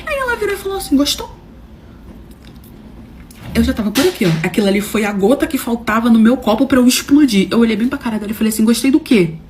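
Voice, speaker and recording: A woman telling a personal story to her viewers, animated and dramatic, with slangy phrasing and swings between loud and soft. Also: fairly high pitch, very fast, few pauses, a little hiss or hum. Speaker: storyteller host. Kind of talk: casual storytelling to camera.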